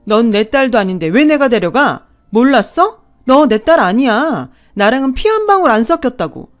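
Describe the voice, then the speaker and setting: A woman voicing a harsh stepmother who coldly scolds and shouts. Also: fairly high pitch, very animated, moderate pace. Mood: cold, yelling. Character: harsh stepmother, cold and angry.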